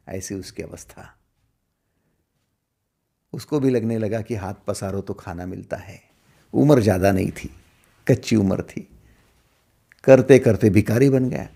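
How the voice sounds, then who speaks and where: His fairly low-pitched voice carries a spiritual discourse, delivered by a middle-aged man in a teaching role. He asks rhetorical questions and moves between booming emphasis and whispered asides.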